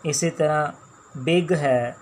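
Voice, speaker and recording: Slow, patient Pakistani shorthand teacher, a man. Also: on the high side, a little hiss or hum. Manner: slow, patient, repeats each sound and word. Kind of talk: classroom lecture while writing on a board.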